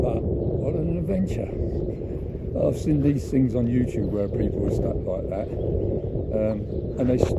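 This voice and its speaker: A man, a motorcycle vlogger, talking casually to camera outdoors on a high mountain trail, thinking aloud in a chatty, plain-spoken way. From England. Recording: noisy outdoor recording.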